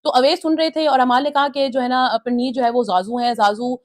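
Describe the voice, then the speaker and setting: A woman's voice: high voice, steady tone, normal speed. A woman giving a casual, opinionated review of a reality show episode, retelling the housemates' quarrels and mimicking their lines.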